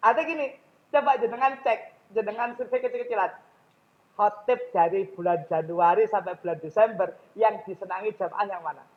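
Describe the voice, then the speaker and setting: A man's voice: high voice, unhurried, pauses often, dull audio. A man with a Javanese accent giving a public speaking lecture in a mosque, often questioning his audience directly.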